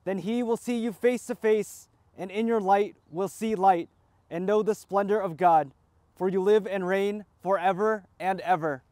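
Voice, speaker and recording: A man, a priest, reciting the prayers of a graveside funeral rite in a measured liturgical cadence. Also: sits high, darkish tone, no echo.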